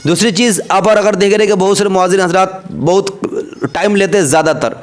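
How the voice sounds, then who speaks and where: A man. He explains each point patiently and repeats Arabic phrases slowly and carefully to model the right pronunciation. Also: high voice. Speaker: Islamic teacher. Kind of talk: religious instruction vlog.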